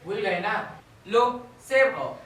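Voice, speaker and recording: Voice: medium pitch, lively intonation, slow pace, fairly bright tone, echoey room, distant mic. A performer voicing a cheeky young son who talks back with sassy, teasing remarks.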